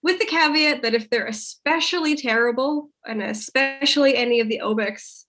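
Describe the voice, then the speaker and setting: A woman's voice: high voice, normal speed, sharp tone, faint music behind. A woman co-hosting an improv live stream in a casual, chatty style. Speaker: improv show co-host.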